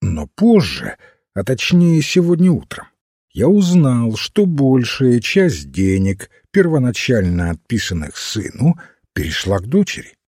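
A man reading a story aloud, telling it with slow, expressive narration. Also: medium pitch, slightly rough, dry recording, clean studio sound. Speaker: audiobook narrator. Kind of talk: scripted narration.

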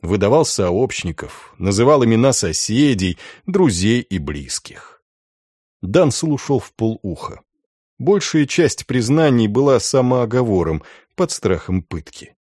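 A man narrating an audiobook in a measured, expressive storytelling manner. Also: medium pitch, no echo, clean studio sound.

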